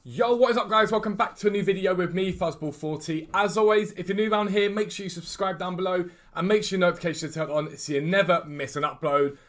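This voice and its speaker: Fast-talking man who says w for r. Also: sits high, a bit bright. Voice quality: cannot pronounce R's properly, says w for r. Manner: chatty, informal, addresses viewers directly. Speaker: gaming YouTuber and host. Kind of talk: casual gaming video commentary.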